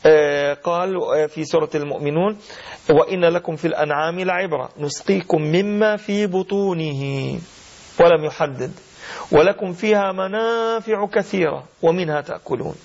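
A man's voice: on the high side, normal speed, gravelly, a little mellow. A man hosting a call-in radio show, giving health advice to callers in a fluent, explanatory, formal way. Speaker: radio host, herbal health adviser. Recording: dull lo-fi radio audio.

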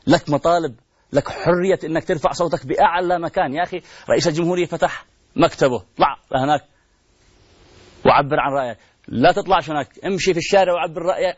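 Male host, impassioned pleading appeal, fairly high voice, dry dull lo-fi sound. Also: quick pace, dry recording. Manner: pleading, rhetorical questions, repeated refrains. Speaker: TV program host.

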